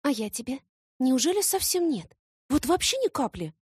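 Woman voicing a bold young heroine, teasing, mocking, high-pitched, swooping intonation. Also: sing-song, moderate pace, a little mellow, no echo, clean studio sound.

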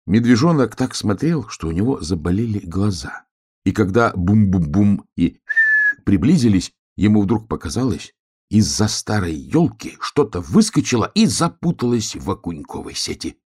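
A man reading a children's tale aloud, expressive and hushed at quiet moments. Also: fairly low pitch, normal speed, husky. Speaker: storyteller.

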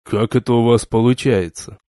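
A man reading an audiobook, voicing a shy, embarrassed young man who speaks slowly and hesitantly. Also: mid-range voice, fairly even intonation, dark tone, no room sound, studio quality, natural voice. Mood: sheepish.

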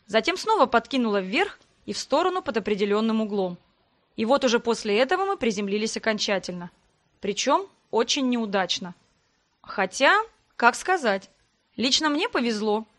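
A woman giving a lively, expressive first-person audiobook narration. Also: fairly high pitch.

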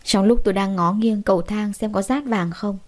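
A woman narrating a first-person story with expressive, chatty asides. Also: medium pitch, moderate pace.

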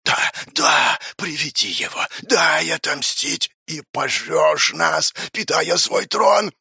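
Slow rasping vengeful ghost. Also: male voice, on the high side, bright, forceful tone, dry recording, studio quality, pitched above the performer's own voice, heavily acted. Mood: furious. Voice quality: slow eerie whispery rasp. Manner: drawn-out, broken phrases. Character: towering vengeful male undead ghost.

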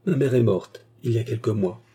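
A man reading a novel aloud, voicing a gentle, sorrowful young noblewoman who sighs as she speaks, in a slightly raised voice. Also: medium pitch, fairly quick, breathy edge, lightly acted. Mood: sad, gentle. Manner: soft, sighing delivery.

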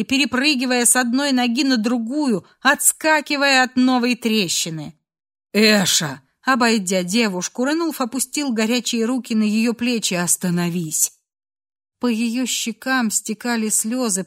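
A woman narrating a dark fantasy story aloud in an emotive storytelling style. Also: on the high side. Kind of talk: dramatic audiobook narration.

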